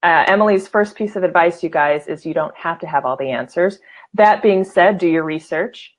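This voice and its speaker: A show host in her forties, from California, interviews a guest in a casual conversation. Her voice is fairly low and her speed normal, and she's enthusiastic and effusive, often restarting her sentences.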